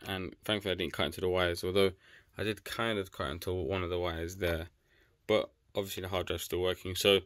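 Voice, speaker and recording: A man's voice: deep voice, sharp tone, no echo, studio quality. A man narrating a home computer repair casually, rambling and thinking aloud with self-deprecating remarks. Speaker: DIY tech vlogger.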